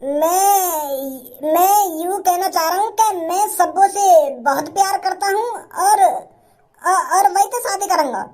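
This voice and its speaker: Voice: very high voice, slow pace, darkish tone. A performer voicing a lovesick young village man in a cartoon, earnest and stubborn, who rambles, repeats himself and stumbles over his words. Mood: insistent. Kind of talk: cartoon voice acting.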